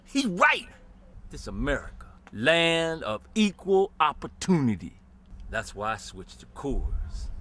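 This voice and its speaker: A man playing a laid-back pitchman in a parody beer commercial, speaking quietly and deadpan. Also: exaggerated voice. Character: mellow, low-key man in a parody beer ad.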